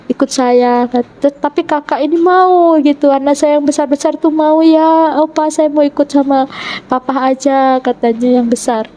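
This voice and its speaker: A woman telling her own life story in an interview, earnest and halting, acting out the words of the people in it. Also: sits high, fairly even intonation, warm tone. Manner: retells events by acting out quoted dialogue. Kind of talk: emotional personal testimony in an interview.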